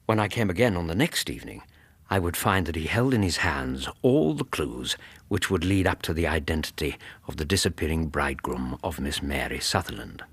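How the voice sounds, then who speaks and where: An actor playing a genial, loyal gentleman doctor in a radio drama, with a British accent and a measured, literate manner. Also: extremely low pitch, big pitch swings, a little hiss or hum, heavily acted. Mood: measured storytelling. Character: Doctor Watson, genial male doctor, loyal companion and storyteller. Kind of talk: radio drama narration and dialogue.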